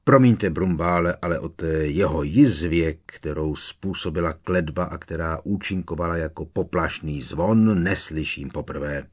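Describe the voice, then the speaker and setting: A man's voice: low voice, few pauses, slightly rough. A man reading an audiobook, voicing a defensive middle-aged male minister who argues in an agitated, raised voice. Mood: indignant.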